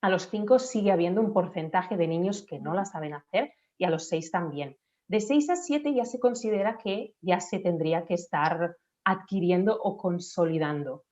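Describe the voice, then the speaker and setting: A woman's voice: on the low side, moderate pace, darkish tone. A woman patiently explaining speech development in an interview, sometimes demonstrating sounds aloud. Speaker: speech therapist guest. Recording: dull lo-fi audio.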